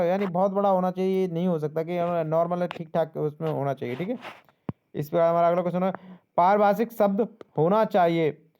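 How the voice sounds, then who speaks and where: In a clean recording, a young man's high, warm voice leads an informal lesson on exam questions. He echoes every answer, keeps checking in with "ठीक है?", and sometimes starts a word over.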